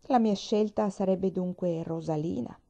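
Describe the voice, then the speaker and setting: A woman's voice: on the low side, a little slow, gravelly, warm tone. A woman reading the lines of a coy spinster who feigns modesty.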